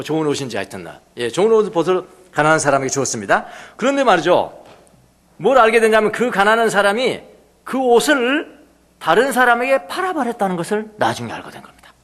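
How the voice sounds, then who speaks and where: A male pastor preaching a sermon, telling stories with lively swings between animated emphasis and quiet asides, laughing now and then. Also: on the high side. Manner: laughs often while preaching.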